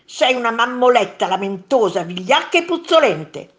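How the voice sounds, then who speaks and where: A woman voicing a grumpy, bickering monster in a children's story read aloud, yelling insults back in a raised voice. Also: on the low side, lively intonation, slow pace, vocal fry, full character voice. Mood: angry yelling.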